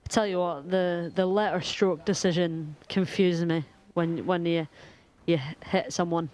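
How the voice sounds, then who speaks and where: A woman from Wales with a Welsh accent, giving live squash commentary in a measured, analytical way with dry humour. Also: fairly low pitch, fairly even intonation, darkish tone.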